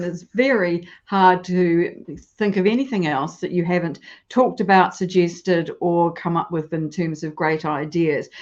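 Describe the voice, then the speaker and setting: A woman's voice: lowish voice, dull audio. A woman hosting a live video interview, wrapping up with thanks and a few hesitant fillers. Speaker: host.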